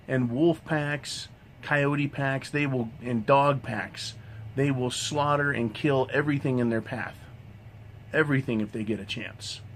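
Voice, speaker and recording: A man's voice: mid-range voice, slight background noise. A man ranting in a monologue vlog, swearing constantly in a combative tone and tagging "right?" onto his sentences. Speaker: vlogger.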